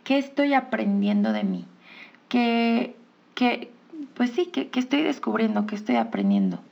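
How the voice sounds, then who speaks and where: A woman's voice: a little high, huge pitch swings, a little slow, creaky, darkish tone, dull audio, slight background noise. A woman with a Mexican Spanish accent hosting a podcast, talking in a reflective, encouraging way and asking rhetorical questions. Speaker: podcast host. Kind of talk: reflective casual monologue.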